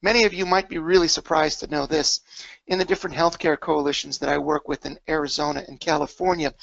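A man's voice: high-pitched, vocal fry, a bit bright, dry recording. Emphatic male webinar trainer, dull dry audio. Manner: emphatic, builds lists with rising stress. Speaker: emergency preparedness trainer. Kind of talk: webinar presentation.

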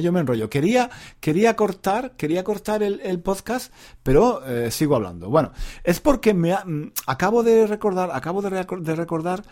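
A man's voice: fairly high pitch, darkish tone. A man from Spain hosting a podcast alone, in a rambling, self-correcting casual monologue full of rhetorical tags and restarts. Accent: Spain Spanish. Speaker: podcast host.

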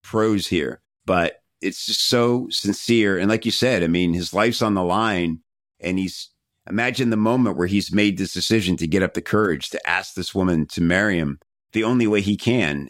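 A man's voice: deep voice, normal speed, dry recording, studio quality. A man hosting a podcast interview, chatting casually with frequent "you know" fillers. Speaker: podcast host.

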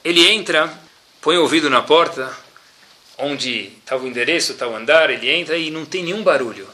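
A man telling a religious story in an animated sermon style. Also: fairly high pitch, a little fast. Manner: lively, animated storytelling with Hebrew terms.

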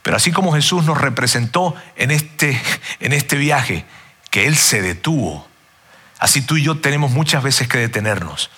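A man's voice: medium pitch, lively intonation, normal speed, sharp tone, husky. A man preaching a sermon earnestly and emphatically, often calling his listeners friends.

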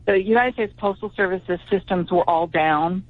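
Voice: medium pitch, normal speed, no echo. A caller from Arizona phoning into a radio show, hesitantly explaining a shipping problem. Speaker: phone-in caller. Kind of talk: phone-in question. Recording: tinny phone line.

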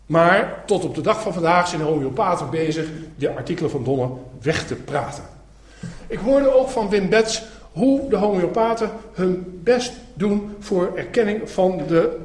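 A man giving a public lecture with slides, animated and sarcastic, acting out the people he quotes. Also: sits high, a little slow. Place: lecture hall. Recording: echoey hall, faint noise.

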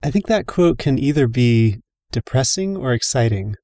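A man's voice: medium pitch, lively intonation, normal speed, mellow, dry recording, studio quality. A man co-hosting a backpacking podcast, reflecting thoughtfully in casual chat. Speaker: podcast co-host.

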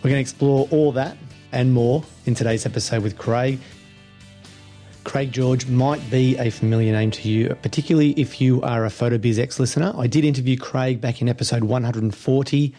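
A man's voice: mid-range voice, fairly even intonation, brisk, mellow, soft background music. A man hosting a photography podcast, friendly and casual, often calling his guest mate and laughing. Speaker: podcast host. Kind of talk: podcast interview.

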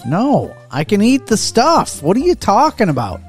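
Lively, higher-voiced male radio co-host. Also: normal speed, soft background music. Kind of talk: casual bantering radio talk.

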